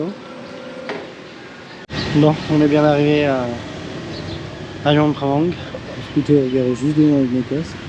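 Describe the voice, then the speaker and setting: A man talking casually to the camera as a travel vlogger. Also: fairly high pitch. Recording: muffled, noisy background hum.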